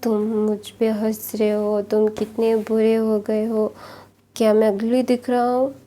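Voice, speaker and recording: A woman's voice: on the high side, level tone, a little slow, dark tone, natural voice. A woman voicing a sulky, whiny young man. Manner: complaining, sulky. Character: pouty, whiny young man, easily upset.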